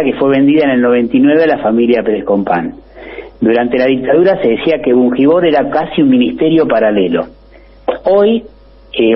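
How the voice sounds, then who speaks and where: A husky-voiced man speaks in an earnest, informative way, often pausing on a soft "eh". His voice sits in an ordinary middle register and comes across as slightly dull and muffled, as on a radio broadcast. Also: medium pitch. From Argentina. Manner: earnest and informative, with frequent "eh" fillers. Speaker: agronomist columnist. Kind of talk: radio column, explanatory talk.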